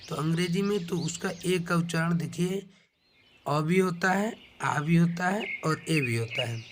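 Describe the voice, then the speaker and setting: A man teaching a slow spoken lesson, patiently going over each letter and its sound again and again. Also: high voice, noisy background. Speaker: English teacher. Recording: clear bird sounds in background. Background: birdsong.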